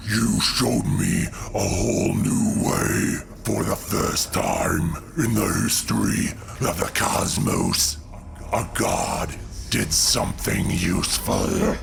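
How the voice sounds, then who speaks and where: Deep, gravelly, brooding god-killing villain. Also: male voice, lively intonation, noisy background, full character voice. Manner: slow, brooding, theatrical villain monologue. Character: Gorr, grave embittered male alien god killer, menacing zealot. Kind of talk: dramatic comic-book audio drama. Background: music under the voice.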